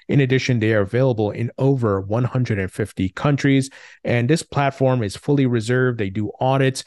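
A man's voice: mid-range voice, a little mellow, no room sound, clean studio sound. A man hosting a crypto podcast, reading a sponsor spot and greeting his guest in a friendly, upbeat way. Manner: upbeat and friendly, some fillers. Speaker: podcast host. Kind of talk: podcast interview and read ad.

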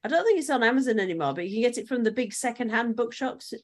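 A woman's voice: a little high, animated, quick pace. A woman co-hosting a casual round-table podcast, talking in a chatty way with frequent fillers and trailing asides. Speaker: podcast co-host.

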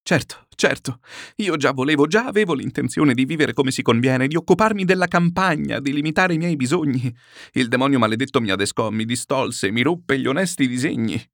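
A man's voice: mid-range voice, big pitch swings, fairly quick, creaky, dry recording, clean studio sound. A man voicing a desperate, ruined middle-aged swindler who pleads and laments in a frantic, self-pitying way. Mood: eager repentant.

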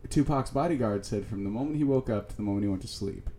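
A man hosting a podcast in casual banter, animated and swearing freely as he jumps in. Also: on the low side, quick pace. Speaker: podcast host.

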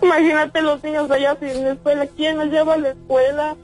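A woman's voice: high-pitched, little pitch movement, a little fast, a little mellow, soft background music. A woman with a Mexican accent, a distraught, swearing mother-in-law venting at length on a phone call. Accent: Mexican Spanish. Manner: distraught, profane, talks in long venting runs. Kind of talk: heated phone conversation.

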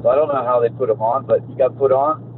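A man's voice: mid-range voice, fast. A man, an actor guest, telling rambling, profane stories in casual chat. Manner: rambling, profane, animated anecdotes. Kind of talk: casual storytelling. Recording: tinny phone-like line, noisy.

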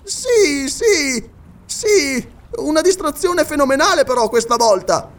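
A man voicing an excitable, absent-minded male scholar with shrill, eager exclamations, in a storybook reading. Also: unhurried. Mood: agitated.

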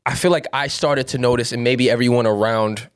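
A man's voice: mid-range voice, steady tone, brisk, smooth, no echo, studio quality. A man in a casual chat, telling things in a slangy, rambling way full of bro talk. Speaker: music producer.

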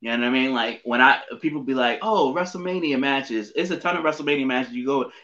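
A man's voice: medium pitch, quick pace, pushed and bright. A middle-aged man chatting casually as a podcast guest, rambling with many fillers and restarts. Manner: rambling, frequent fillers and self-corrections. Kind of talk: casual interview chat. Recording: dull lo-fi audio.

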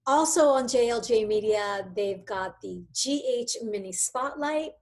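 Brief: bubbly female host, fairly high voice, casual soap-talk show. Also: unhurried, darkish tone. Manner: bubbly, upbeat sign-off.

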